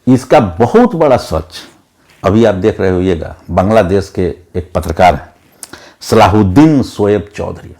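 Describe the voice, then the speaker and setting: Emphatic, lecturing man with a mellow, low voice. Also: animated, measured pace. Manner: emphatic, lecturing, repeats words for stress. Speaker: political commentator. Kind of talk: opinionated monologue.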